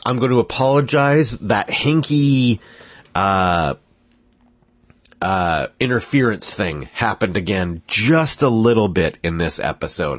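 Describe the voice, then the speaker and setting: A man with a fairly low voice, recorded with no room sound, hosts a podcast while congested from a cold. He rambles casually, keeps cutting himself off, and laughs at himself.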